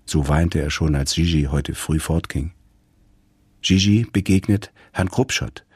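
A man reading a radio story aloud in a calm, measured storytelling manner. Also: rumbling low, husky, no room sound, studio quality. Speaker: narrator.

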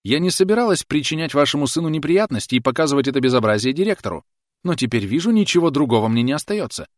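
A prim, outraged schoolteacher woman, as a male narrator puts her on, pitched well above his own voice. Her speech swings widely in pitch, shrill and huffy. The recording is dry and close. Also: animated, fast talker, no room sound, natural voice. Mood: indignant. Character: prim indignant female schoolteacher.

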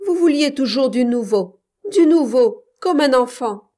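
Woman doing a proud defiant young country girl in an audiobook, sharp tongue, slow. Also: a little high, expressive, pitched above the performer's own voice. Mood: scornful. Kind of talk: audiobook reading.

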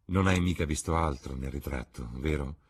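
A man's voice: rumbling low, normal speed, slightly rough. A man reading the part of an earnest, melancholy painter in an audiobook, in a rueful tone.

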